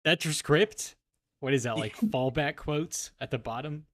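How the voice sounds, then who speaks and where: A young man co-hosting a podcast, animated and sarcastic in casual chat, full of "like" fillers. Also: fairly high pitch, unhurried. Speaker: podcast co-host.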